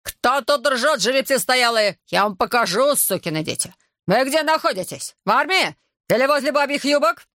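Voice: mid-range voice, expressive, unhurried, bright, forceful tone, no room sound, studio quality, voice pushed up. A reader voicing a petty, bullying male army corporal who screeches orders at soldiers in an audiobook. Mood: yelling. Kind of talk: audiobook character voice.

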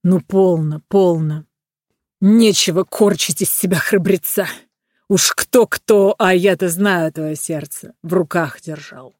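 Reader putting on a giant sorcerer, smug, menacing, mid-pitched, dry sound. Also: slow, no room sound, natural voice. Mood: coaxing menace. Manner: shouting and threatening, then soft and coaxing. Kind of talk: storybook character voice.

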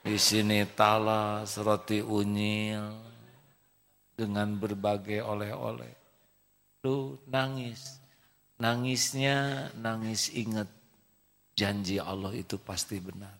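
A male preacher telling a story in a sermon, slowly and vividly acting out the characters. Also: on the low side, steady tone, a bit bright. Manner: slow storytelling, acts out voices. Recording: reverberant hall.

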